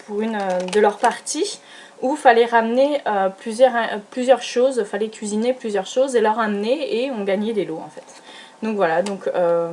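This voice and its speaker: A young adult beauty vlogger talks casually through a product haul in a medium-pitched, slightly mellow voice, with a little hiss or hum present. She's enthusiastic and gushing yet hesitant, full of fillers and restarts.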